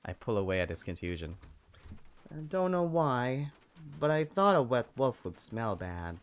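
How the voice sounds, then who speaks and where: Man, gamer reading a visual novel, playful, jokey, lively pitch. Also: measured pace, smooth. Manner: playful, jokey, breaks into loud yells. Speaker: let's play gamer.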